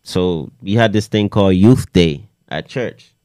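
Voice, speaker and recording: A man talking casually as a rapper in an interview, slangy and animated in his storytelling, often checking that the listener follows. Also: low-pitched, unhurried, no echo, clean studio sound.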